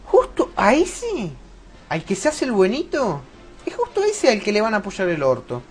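A man's voice: sits high, huge pitch swings, moderate pace, soft background music. A teenage boy with a Rioplatense Spanish accent, rambling and swearing a lot as he chats over his gameplay into a loose mic. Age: teen. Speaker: gameplay commentator. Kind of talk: rambling let's-play chat. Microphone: loose desk mic that keeps slipping.

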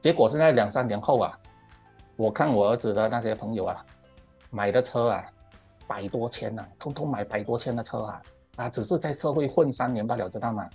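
A middle-aged man with a Malaysian Mandarin accent delivers an emphatic, ranting commentary on current affairs in an opinionated monologue. He stretches out "ah" particles and mixes in English words. His mid-range voice is a little fast and mellow with a breathy edge, and faint music plays behind.

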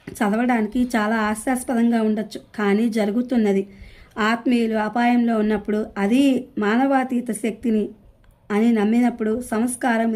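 Brief: female audiobook narrator, mellow and fairly high, steady novel reading. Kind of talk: novel read-aloud narration.

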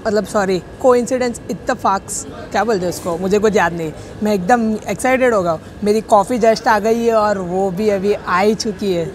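A man's voice: sits high, brisk, few pauses, slight background noise. A young man vlogging casually from a public cafe, rambling, joking and correcting himself as he goes, talking into a handheld camera. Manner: rambling, jokey, self-correcting. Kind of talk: casual vlog talk.

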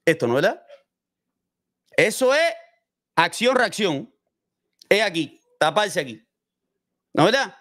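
A man's voice: high voice, very animated, slow pace, long pauses, fairly bright tone. A man hosting a casual true-crime commentary, explaining with gestures and asking his viewers rhetorical questions. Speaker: host commenting on a criminal case.

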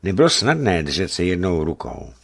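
Deep-voiced man, expressive narrator for a historical audiobook, lively pitch. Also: vocal fry, slightly rough.

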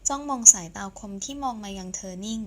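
A woman narrating a romance audio novel in a soft, measured way. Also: a little high. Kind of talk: scripted narration.

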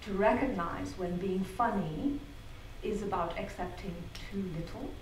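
This prepared public talk comes from a middle-aged woman from Zambia, measured and articulate with a wry aside now and then. Captured from the back of a large theatre hall, her ordinary-pitched voice sounds far off and roomy, echoing with a faint underlying hum.

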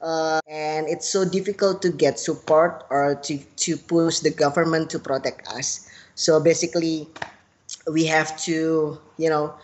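A young man with an Indonesian accent, speaking to camera about his own life in a halting way, with many filler sounds. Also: on the high side. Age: young adult. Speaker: activist. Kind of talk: personal testimony to camera. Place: outdoors in front of a tiled roof. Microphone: webcam-style close framing.

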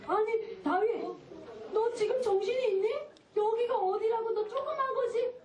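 A woman's voice: extremely high pitch, unhurried, a little mellow, voice pushed up. A woman voicing stern older brothers who scold a small boy. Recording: echoey room from far off, children nearby.

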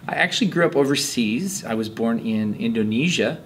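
A man in his thirties, an English teacher, answering interview questions in a relaxed, halting way in a classroom. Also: medium pitch, a little hiss or hum. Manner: relaxed, halting, many fillers. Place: classroom, indoors. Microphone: handheld mic held by interviewer.

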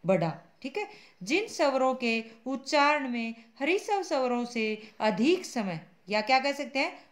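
Woman teacher quizzing her class. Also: high-pitched. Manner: asks students questions and answers them herself; calls students "beta", patient and repetitive. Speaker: Hindi teacher. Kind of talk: online class lecture. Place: school classroom.

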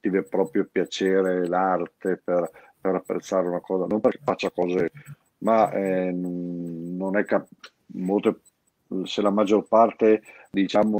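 Middle-aged Brescian-accented man, very low voice, rambling guest, dry close sound. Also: darkish tone, no room sound. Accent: Brescian Italian. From Brescia area, northern Italy. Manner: rambling, many restarts and repeated words. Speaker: guest, founder of an artists' collective. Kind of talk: casual interview chat.

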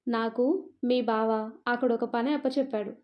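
A woman narrator voicing an exasperated young mother who is sharp-tongued with her sister. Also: a little high, fairly even intonation, moderate pace, lo-fi sound, close to an everyday voice.

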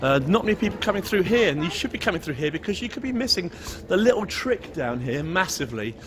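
This English vlogger has a high, sing-song voice and talks fast, chuckling and joking with stallholders as he walks through a bustling outdoor Christmas market street. He shoots the casual, chatty vlog on a handheld gimbal camera, with the crowd's chatter and the busy market's noise all around him.

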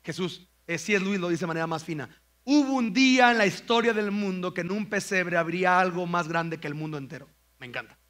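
Bright-voiced Mexican pastor, playful. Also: male voice, high voice. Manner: playful, jokes with the congregation; acts out comic prayers in slow exaggerated voices. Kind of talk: sermon. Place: church auditorium.

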